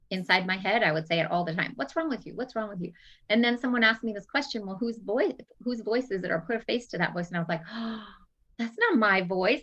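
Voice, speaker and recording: A woman's voice: on the low side, a bit bright. Female coach, guiding and patient, leading a class, slightly muffled audio. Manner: guiding, talks through exercises with quoted self-talk. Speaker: brain-training coach. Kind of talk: teaching an online class.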